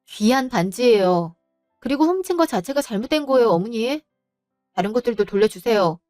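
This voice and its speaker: A woman's voice: a little high, lively intonation, a little mellow, dry recording, studio quality, soft background music, natural voice. A woman playing a wronged daughter-in-law who speaks politely but firmly to her in-laws. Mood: pleading. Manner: polite but firm, measured.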